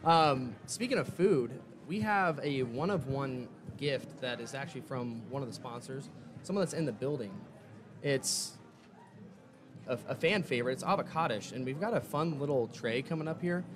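A man's voice: mid-range voice, animated, normal speed. Joking male dating show host, noisy. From Kansas. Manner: joking, loose and rambling with restarts. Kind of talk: casual chat.

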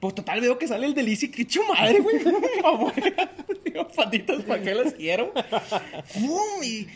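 A young man with a Mexican Spanish accent, telling a story in casual, slangy talk and acting out the shouts and quotes. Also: extremely high pitch, sing-song, measured pace.

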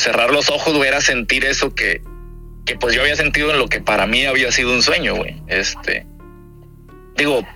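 A young man with a Mexican accent tells a story in loose, slangy podcast chat, cursing freely and dropping "güey" into nearly every line. His voice is very bright and forward, and faint music sits underneath it. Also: medium pitch. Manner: slangy, swearing, says "güey" constantly. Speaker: podcast guest. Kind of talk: casual storytelling.

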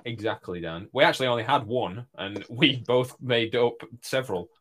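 A man, a guest co-host in casual podcast chat, jokey, swearing and quick to laugh. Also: mid-range voice, a bit bright, a little hiss or hum.

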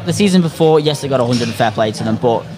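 A man's voice: mid-range voice, animated, quick pace, over music. A man hosting a casual football podcast chat in an opinionated, sweary way. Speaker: podcast host.

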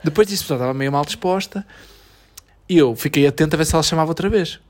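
A man with a European Portuguese accent, telling a story in lively casual chat and arguing back. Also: fairly high pitch, quick pace. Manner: animated storytelling, argues back.

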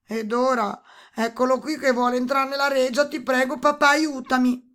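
A woman's voice: fairly high pitch, animated, fairly bright tone, pitched above the performer's own voice. A woman voicing a spoiled, impatient young princess in a storybook reading. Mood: plaintive. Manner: eager and quick to promise.

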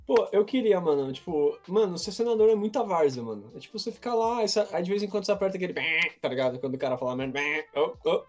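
A young man with a Brazilian accent chatting casually in an animated, slangy way, telling stories and slipping into mock speeches. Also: sits high, fast, hardly any pauses, soft background music. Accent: Brazilian Portuguese. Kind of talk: casual chat.

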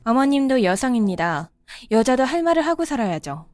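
A woman's voice: on the high side, sing-song, fairly quick, darkish tone, no echo. A woman voicing a respectful yet insistent daughter-in-law and mother, in a cartoon drama. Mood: upset. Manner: polite, respectful, growing insistent. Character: daughter-in-law, polite but firm mother. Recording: faint background music.

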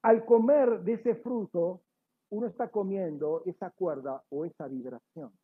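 Explaining a sermon one word at a time, this Bible teacher speaks at a measured pace in a high, slightly rough voice. He frequently corrects himself, apologizes, and checks with his audience, all through tinny, phone-like sound.

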